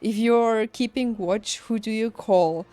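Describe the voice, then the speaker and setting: A young adult woman, a former nurse turned livestreamer, chats casually on stream and tells personal stories in an emphatic, animated, informal way. Her voice is a little high and slow, close and dry, with background music playing behind it.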